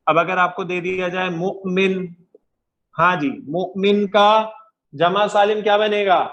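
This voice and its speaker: A man's voice: high-pitched, fairly even intonation, a bit bright, highs cut off. A man teaching an Arabic grammar class, patiently repeating examples and checking that his students follow. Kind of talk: lecture.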